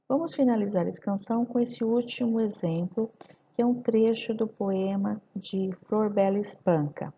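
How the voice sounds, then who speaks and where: A woman teaches a recorded literature lesson. Her voice is mellow and gravelly with a slight rasp, and she slows down to sound out lines of verse syllable by syllable. The audio is dull and lo-fi. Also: mid-range voice.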